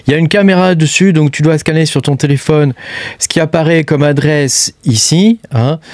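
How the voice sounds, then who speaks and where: A crypto hardware reviewer with a mid-range voice and no echo gives a casual, hands-on gadget review. He talks loosely, using lots of fillers and repeating the same tag words.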